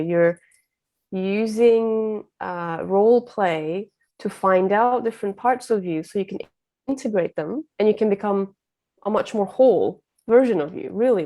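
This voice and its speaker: Woman from Turkey, guest coach, reflective and earnest, warm mellow tone. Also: mid-range voice. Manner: reflective, earnest, many fillers. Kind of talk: casual conversation.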